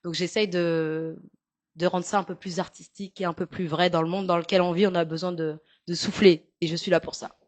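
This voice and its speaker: In a casual interview, a young massage therapist with a Parisian French accent chats candidly, joking and using plenty of fillers. Her voice sits on the low side, with fairly even intonation and a brisk pace.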